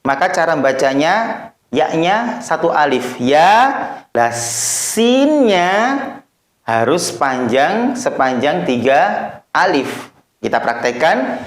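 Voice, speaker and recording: A man teaches a Quran reading lesson, speaking slowly and deliberately. His pitch sits a little high and swings widely as he stretches letters into long chanted examples. The room around him is echoey. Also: very animated. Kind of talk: recorded recitation lesson.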